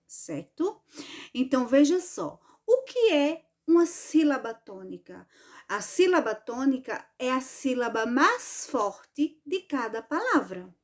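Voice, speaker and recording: A woman teaching an online grammar lesson for children, speaking in a drawn-out, sing-song way and often checking with "right?". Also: sits high.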